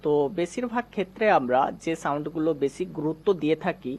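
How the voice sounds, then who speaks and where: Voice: medium pitch, animated, fast, husky. A teacher giving an online English reading lesson, addressing viewers directly, asking and answering his own questions and repeating vowel sounds for practice. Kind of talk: online lesson with slide explanation.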